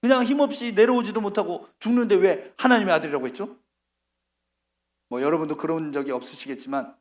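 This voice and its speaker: A middle-aged male missionary preaching a sermon, telling the story with animated acted-out voices. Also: fairly high pitch.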